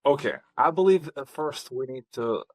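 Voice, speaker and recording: A hesitant man from Kazakhstan appears as a podcast guest in a conversational interview, speaking with a mid-range, animated voice at a moderate pace. He fills his speech with ums and restarts, and the recording is dry.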